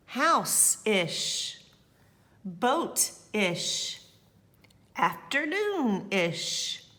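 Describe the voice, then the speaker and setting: A school librarian, a woman with a medium-pitched voice, reads a picture book aloud expressively and affectionately, adding chatty, encouraging asides for young children.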